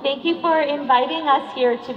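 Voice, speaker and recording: A Canadian woman, a native English speaker with a foreign accent in Bengali, addressing an audience simply and haltingly with pauses for an interpreter. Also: high-pitched. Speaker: guest speaker at a charity Christmas program. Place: large echoey room with an audience. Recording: echoey hall, muffled, audience noise behind.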